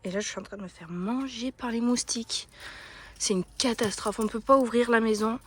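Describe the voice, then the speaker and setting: A woman's voice: a little high, fairly quick, a bit bright, breathy edge. A woman chatting casually to her handheld camera at home and in her garden. She rambles, laughs often and pokes fun at herself. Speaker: lifestyle vlogger. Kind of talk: casual vlog chat to camera.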